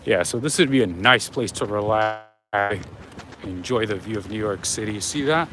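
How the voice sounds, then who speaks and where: A man's voice: fairly low pitch, moderate pace. A man walking and talking outdoors, rambling casually to viewers as he livestreams. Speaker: live streamer. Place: outdoors on an urban waterfront. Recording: outdoor urban ambience, traffic noise.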